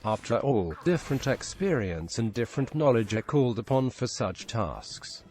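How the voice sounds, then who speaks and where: A synthetic text-to-speech male voice reading a written story aloud in a flat, even machine delivery. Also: mid-range voice, moderate pace, faint music behind. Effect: synthetic text-to-speech computer voice.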